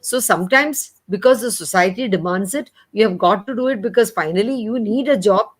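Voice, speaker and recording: A woman's voice: medium pitch, fairly quick, slightly rough. A woman with an Indian accent, explaining her views in a casual panel discussion. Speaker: coach.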